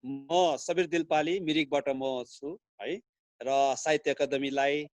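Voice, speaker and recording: Slow, high-voiced man reciting poetry. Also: fairly even intonation, a little mellow, dry recording. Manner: slow, earnest recital addressing "huzur". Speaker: poet reciting his poem.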